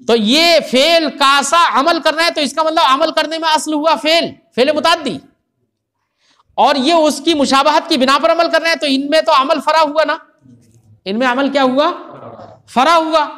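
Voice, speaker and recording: High-voiced man quizzing his class. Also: steady tone, moderate pace, sharp tone. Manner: keeps quizzing listeners with rhetorical questions. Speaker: teacher of Arabic grammar. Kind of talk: classroom lecture.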